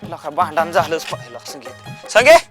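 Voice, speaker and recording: A man's voice: a little high, big pitch swings, moderate pace, fairly bright tone, faint music behind. A man with a rural Marathi accent playing a scheming village man who wheedles and eggs two women into a fight, in a comedy sketch. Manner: wheedling, egging others on. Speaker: village troublemaker.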